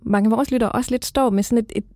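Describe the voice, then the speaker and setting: A woman's voice: fairly high pitch, steady tone, darkish tone, no room sound, clean studio sound. A woman hosting a podcast, asking questions in a hesitant way as she searches for her words. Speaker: podcast host. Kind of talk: podcast interview.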